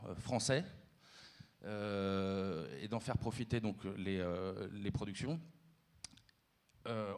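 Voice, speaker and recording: Lowish-voiced man presenting haltingly. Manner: halting, repeating words. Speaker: company representative, conference presenter. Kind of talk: informal conference presentation.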